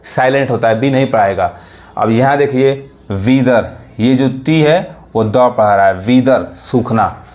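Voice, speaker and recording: A man teaching a pronunciation lesson to viewers, drawing words out slowly and asking if they follow. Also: medium pitch, darkish tone. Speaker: English teacher. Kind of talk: classroom lesson.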